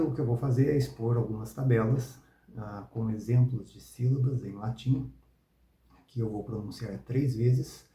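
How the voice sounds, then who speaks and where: A man gives a calm, patient lesson, saying each example word three times. His voice is low and very dark. The recording is roomy and a little dull. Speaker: teacher of Latin pronunciation. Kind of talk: spoken lesson with repeated example words.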